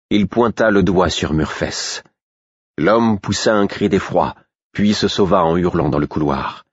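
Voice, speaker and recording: A man narrates a first-person fantasy story in a measured, dramatic way. His voice is very deep and husky. The recording is dry and dull, with a muffled lo-fi quality. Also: no echo. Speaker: audiobook narrator.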